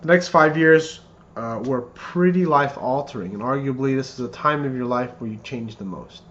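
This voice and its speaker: In his thirties, a man rehearses his best man's speech for a wedding, earnest but somewhat halting and often repeating phrases. His mid-range voice is a bit bright. The lo-fi recording sounds muffled, with clear background noise.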